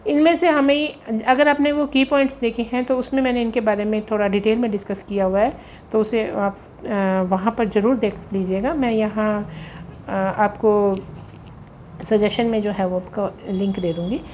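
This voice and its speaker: A woman's voice: medium pitch, fairly even intonation, normal speed, a little mellow, a little hiss or hum. A woman teacher explaining exam questions in a lesson, patiently repeating key points and reading the terms. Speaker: English grammar teacher.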